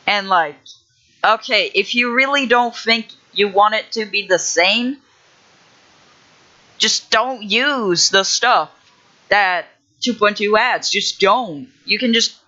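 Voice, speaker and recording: A man's voice: high-pitched, pushed and bright, highs cut off. A young man livestreaming as he builds a game level, rambling casually with lots of fillers and restarts. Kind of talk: casual thinking-aloud livestream.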